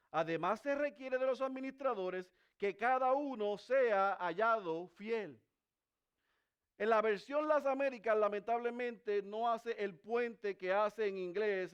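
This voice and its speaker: A man preaching an expository sermon, putting rhetorical questions to the congregation and swinging between raised, emphatic passages and very quiet, low ones. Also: a little slow, clean tone, lo-fi sound.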